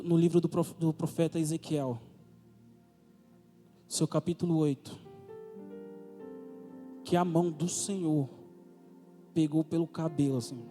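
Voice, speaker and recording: Fervent high-voiced preacher in a reverberant hall. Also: male voice, warm tone. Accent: Brazilian Portuguese. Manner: fervent, repetitive rhetorical questions. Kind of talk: sermon testimony. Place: church. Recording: reverberant church hall with music.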